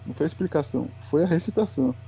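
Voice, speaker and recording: A man's voice: on the high side, animated, very fast, creaky, dark tone, husky. A man as the guest educator on a podcast, explaining at length in a patient, lecturing way. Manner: patient, lecturing, often tags lines with "né".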